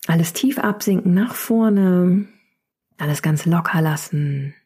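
A woman leading a guided chair yoga class, calmly cueing breaths and counting down each hold in a soft, often near-whispered voice. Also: fairly low pitch, measured pace, husky. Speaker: yoga instructor.

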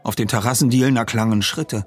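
A man narrating an audiobook with lively storytelling. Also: medium pitch, fast, faint music behind. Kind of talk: audiobook reading.

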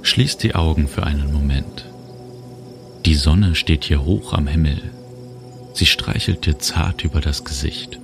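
A man narrating a guided relaxation journey, speaking slowly and soothingly. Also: extremely low pitch, gravelly. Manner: slow, calm, soothing. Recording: music bed under voice. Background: music and cricket sounds.

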